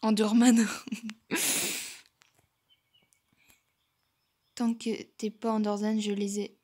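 A woman playing an online animal role-play game, chatting casually and teasing other players, with occasional quiet asides. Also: medium pitch, little pitch movement, extremely slow. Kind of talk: casual gameplay commentary.

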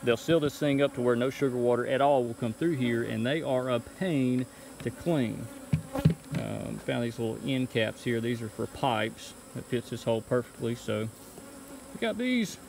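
A man in his thirties walks the listener through a beekeeping chore in a relaxed, step-by-step way. He records outdoors in a bee yard on a handheld phone. Insects hum clearly all around him. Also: medium pitch, normal speed. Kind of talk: casual how-to vlog. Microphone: phone camera held while working. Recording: outdoor noise with buzzing bees. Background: insects buzzing outdoors.

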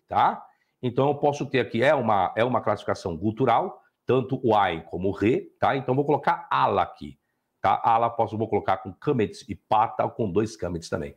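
A Brazilian man hosts a live stream lecture, his voice rising and falling a great deal as he explains. He talks to his viewers and guests in a teacherly way, tagging points with short checks. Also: medium pitch. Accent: Brazilian Portuguese. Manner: lively, lecturing, frequent "tá?" tags.

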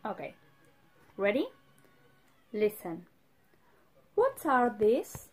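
A young woman, a native Spanish speaker, teaching English to young children in simple, emphatic phrases as if to a toddler, pausing for answers. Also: medium pitch, huge pitch swings, soft background music. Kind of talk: children's vocabulary lesson with repeat-after-me drills. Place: indoor room in front of a whiteboard.

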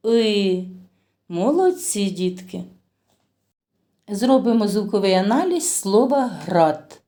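A woman's voice: medium pitch, mellow. A woman teaching a phonics lesson to young children. She stretches out each word as she sounds it, asks them questions and praises them. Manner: slow, drawn-out sounding of words for children. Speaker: kindergarten teacher.

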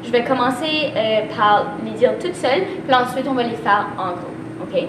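High-voiced young Canadian French woman, echoey. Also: animated. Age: young adult. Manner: articulates tongue twisters, slowly then faster. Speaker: theatre workshop leader. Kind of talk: instructional demonstration of tongue twisters. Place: theatre stage, indoors. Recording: roomy, distant microphone, clear background noise.

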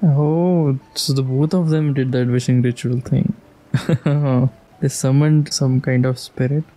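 Over game music, a streamer offers casual, giggly commentary while playing, reacting to the characters. The voice is mid-range and warm, fairly even in intonation and slow in pace, captured on a low-quality recording.

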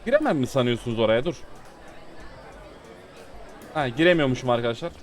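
A man's voice: mid-range voice, very animated, brisk, some chatter behind. A man giving casual let's-play commentary, talking to his viewers and growing exasperated with the game. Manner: exasperated, chatty, talks to viewers. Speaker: gaming YouTuber.

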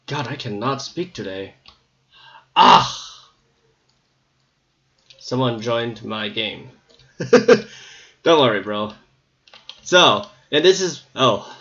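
Man, mid-pitched, slightly scratchy, casual gameplay commentary with lots of ums, lo-fi muffled recording. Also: sharp tone. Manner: rambling, hesitant, many ums. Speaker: gameplay video maker.

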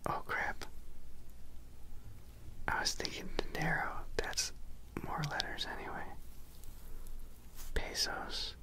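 A man's voice: takes it slowly, long pauses, rough recording. Male ASMR host, thirties, whispered sponsor read, casual and playful, close-miked. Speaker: sponsored ad reader. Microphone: close studio microphone on a desk.

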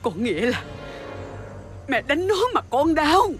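A woman's voice: big pitch swings, measured pace, faint music behind. A fiery Southern Vietnamese stepmother. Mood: lamenting. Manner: shrill scolding, wailing over her daughter. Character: cruel doting stepmother, middle-aged woman, hot-tempered. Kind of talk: TV fairy-tale drama acting.

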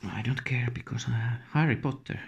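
A man with a Finnish accent speaks halting, non-native English in short, muttered remarks, as casual unscripted commentary on an unboxing. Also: mid-range voice, creaky, slightly rough, muffled recording. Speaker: video game collector presenting an unboxing. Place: indoors at a wooden table. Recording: noisy room with handling clicks.

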